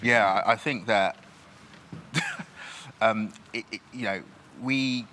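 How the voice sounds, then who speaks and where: A man born in Nigeria who grew up in this country, answering questions in a reflective church panel discussion, thoughtful and halting with many restarts. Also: on the low side, sharp tone, a little hiss or hum.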